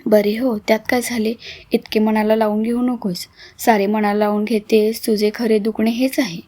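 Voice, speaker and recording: Woman doing a caring village friend, reassuring, gently scolding, storybook reading. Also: medium pitch, flat delivery, moderate pace, natural voice. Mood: comforting.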